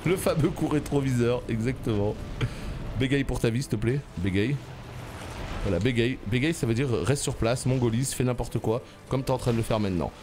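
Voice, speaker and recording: A man gives live gameplay commentary in a middle-pitched voice, teasing and scolding an enemy as he plays. His voice jumps into high yells when things go wrong. Soft music plays faintly behind him. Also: moderate pace. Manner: excitable, yells and pleads at the boss; teasing, sarcastic banter. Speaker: gaming YouTuber.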